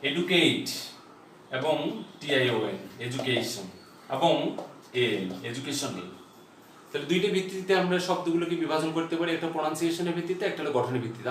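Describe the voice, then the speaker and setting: A man with a Bangladeshi accent giving a grammar lesson, explaining step by step, repeating key points and spelling words out slowly. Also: fairly high pitch, a bit bright, slight background noise. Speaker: English grammar teacher. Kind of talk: classroom lecture. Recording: echoey room, voice from a distance.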